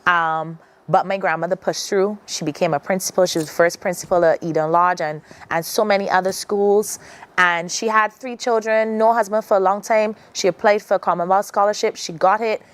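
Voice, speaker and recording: This time the Barbadian woman's voice sits mid-range, steady and fairly quick, as she's interviewed on morning television. She speaks with earnest reflection, repeatedly restarting what she's saying.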